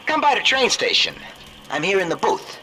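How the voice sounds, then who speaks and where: A sly, wheedling male reporter in a video game. His pitch leaps all over the place and his tone is bright and sharp. He talks with a smarmy, dealmaking charm. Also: huge pitch swings, normal speed, exaggerated voice, poor audio. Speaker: game character.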